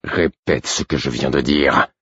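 A man doing a gruff stern stablemaster. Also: very deep voice, steady tone, moderate pace, no echo, highs cut off.

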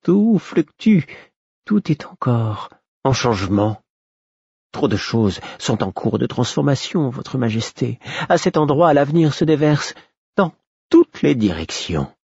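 A man's voice: medium pitch, very animated, measured pace, creaky, a little mellow, slightly rough, no room sound, voice pushed up, heavily acted. A man voicing a bitter, half-hysterical male court jester who speaks hesitantly with bitter irony. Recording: dull lo-fi recording.

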